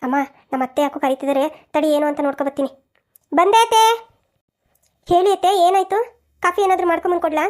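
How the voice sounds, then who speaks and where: A woman's voice: extremely high pitch, brisk, pauses often. A woman voicing a meek, tearful young daughter-in-law in a cartoon, apologetic and pleading. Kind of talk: cartoon voice acting.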